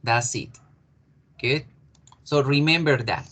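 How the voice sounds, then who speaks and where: A male English teacher giving a class, explaining patiently, repeating key words slowly and asking students questions. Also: medium pitch, sharp tone.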